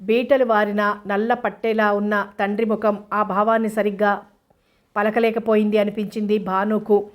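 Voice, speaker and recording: Woman narrating a novel in a flat voice. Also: medium pitch, moderate pace.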